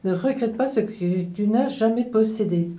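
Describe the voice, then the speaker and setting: A woman's voice: a little high, normal speed, pitched above the performer's own voice, lightly acted. A woman voicing a clever little nightingale who teases a foolish man. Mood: teasing. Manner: lively, teasing.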